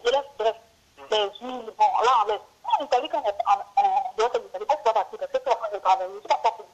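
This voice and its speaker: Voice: mid-range voice, quick pace. A caller rambling through a long story over the phone, full of restarts. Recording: muffled phone call recording.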